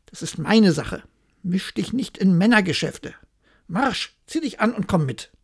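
A reader doing a gruff, bossy hedgehog. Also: medium pitch, big pitch swings, unhurried, no echo, studio quality, heavily acted. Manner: gruff, commanding. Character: sly, bossy male hedgehog.

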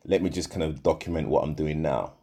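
A man's voice: a bass voice, fairly quick, gravelly, mellow. A middle-aged man with a Yorkshire accent hosting a casual solo podcast, rambling with frequent fillers and self-corrections. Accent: Yorkshire English. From England. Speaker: podcast host.

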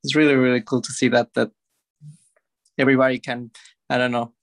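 A man's voice: medium pitch, little pitch movement, a little fast. A man in a casual interview, talking with a hesitant manner and many "I mean"s. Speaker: podcast co-host, guest.

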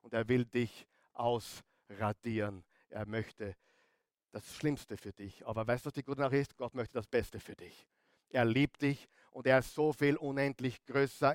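A man preaching as a pastor, rousing and questioning his congregation, with dramatic pauses. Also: mid-range voice, smooth, dry recording, clean studio sound. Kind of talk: sermon.

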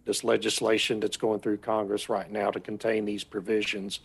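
Male radio panelist, conversational, lowish and gravelly. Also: level tone, normal speed. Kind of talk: conversational discussion.

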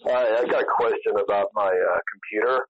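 A man's voice: fairly low pitch, brisk, dry recording, muffled recording. A man calling support, unsure of himself and repeating hello again and again. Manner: unsure, keeps saying hello. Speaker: caller.

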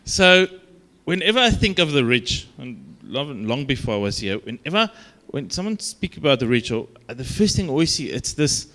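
Guest preaching an informal sermon, this South African man has a broad Afrikaans accent and a halting, chatty, self-deprecating delivery. His mid-range voice is very animated, with a sharp tone.

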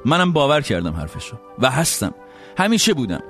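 A man hosting a show, telling a funny personal story in a lively monologue and acting out the dialogue. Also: mid-range voice, soft background music. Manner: animated, acts out quoted dialogue. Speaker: show host.

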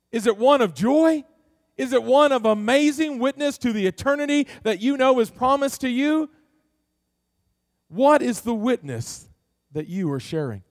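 A man's voice: very high-pitched, dry recording, studio quality. A middle-aged male pastor preaching a sermon, earnest and folksy, asking many rhetorical questions and telling family stories.

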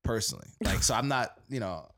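Male co-host, lively intonation, joking, repeats his words. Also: lowish voice, fast. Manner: animated, playful, stammers. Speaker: podcast co-host. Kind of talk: casual chat.

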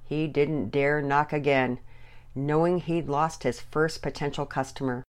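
A woman narrating a children's storybook in an expressive, gently animated reading. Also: low voice, a little slow.

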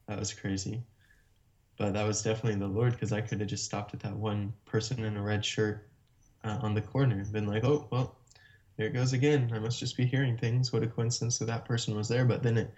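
A man guest telling a personal story in a casual, animated way, often laughing between sentences. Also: fairly low pitch. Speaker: interview guest. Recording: muffled lo-fi sound.

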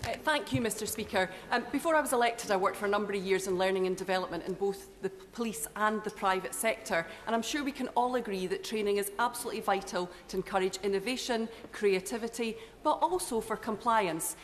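A woman member of parliament putting a brisk, pointed question in a formal debate. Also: mid-range voice. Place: large indoor parliamentary chamber. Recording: reverberant chamber, faint background noise.

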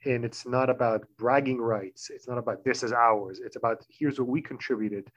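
A man in middle age talks through his ideas as an interview guest, fluent and a little professorial, often speeding into quick bursts. His voice sits at an ordinary pitch for a man. The audio sounds a bit dull and lo-fi. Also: fairly even intonation, fairly bright tone. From Israel. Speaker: author and guest. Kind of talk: explanatory interview talk.

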